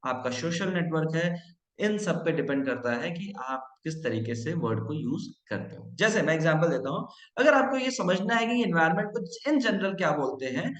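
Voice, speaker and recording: A man's voice: a little high, big pitch swings, moderate pace, fairly bright tone, reverberant, poor audio. A middle-aged man giving a training lesson, explaining and demonstrating word pronunciations, mixing English phrases into his talk. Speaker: trainer and consultant.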